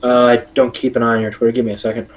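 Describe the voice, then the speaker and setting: A man's voice: mid-range voice, flat delivery, very fast, lo-fi sound. A man from South Texas bantering casually and easily as a co-streamer. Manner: easygoing, laid-back banter. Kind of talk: casual chat.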